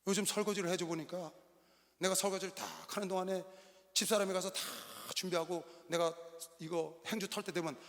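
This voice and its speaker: A middle-aged man preaching a sermon as pastor, telling stories with animated delivery and sudden bursts of shouting. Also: high voice, a little fast. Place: large arena hall. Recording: long reverb of a large arena hall.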